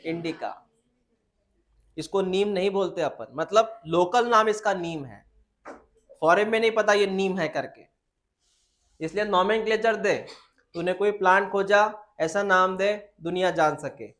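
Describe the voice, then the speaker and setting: In this classroom lecture, a male biology teacher speaks in a bright, high, energetic voice. He addresses the pupils as "beta," shoots out questions and supplies the answers, and slows right down, carefully, whenever he reads English lines from the textbook.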